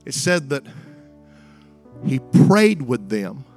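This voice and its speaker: A man's voice: very animated, faint music behind. A man preaching a revival sermon with dramatic, sing-song phrasing, repeating lines and addressing the congregation directly. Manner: dramatic, building from hushed, drawn-out phrases to high, sing-song cries.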